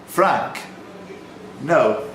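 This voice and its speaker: In a noisy, roomy pub, a male quizmaster speaks extremely slowly in a slightly high, expressive voice. He reads questions aloud and banters with contestants, joking, chatting, and teasing them.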